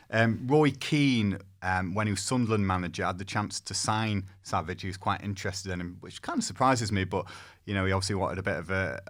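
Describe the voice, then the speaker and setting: A man's voice: deep voice, a bit bright. A man co-hosting a football podcast, telling a short story in a wry, laid-back way. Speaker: podcast co-host. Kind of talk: casual chat.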